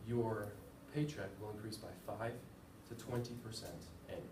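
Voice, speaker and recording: Steady in tone and moderate in pace, a young man from the United States speaks at a fairly low pitch during a casual, informative class presentation with some fillers and self-deprecating asides. The sound is distant from the mic, echoey, and has background noise.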